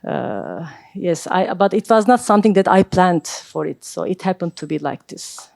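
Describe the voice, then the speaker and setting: A woman tells her story as a panel guest. She pauses often and fills the gaps with little sounds. Her voice is warm and mellow, recorded close and dry. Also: lowish voice, expressive, gravelly, no room sound. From Turkey. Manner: hesitant, many filler sounds. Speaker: art collector, panel guest. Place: library event hall.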